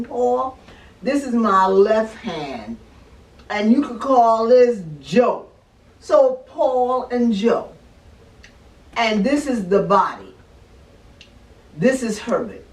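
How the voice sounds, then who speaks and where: Older woman telling a lively story. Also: medium pitch. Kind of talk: casual storytelling. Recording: roomy sound from a distant mic.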